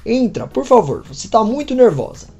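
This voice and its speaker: A woman voicing a gentle, caring man who speaks in a soothing, concerned way. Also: on the high side, sing-song, moderate pace, slightly rough, faint music behind, pitched above the performer's own voice, exaggerated voice.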